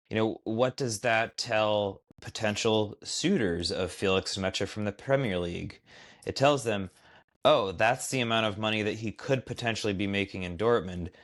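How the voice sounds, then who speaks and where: Man, podcast co-host, lowish voice, hesitant, halting restarts, casual chat. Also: a bit bright.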